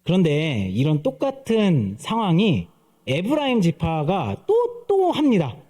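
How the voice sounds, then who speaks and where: A man's voice: high-pitched, wildly swooping pitch, a little slow, dark tone. A man in his thirties preaching a sermon at church, telling stories and playfully mimicking voices. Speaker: pastor. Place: church sanctuary.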